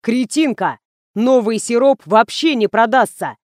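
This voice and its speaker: A woman's voice: fairly high pitch, expressive, measured pace, no room sound, clean studio sound. A woman doing a bossy panicky ad man. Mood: panicked. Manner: bossy, then loud and panicky. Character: young man, a loud panicky advertising manager.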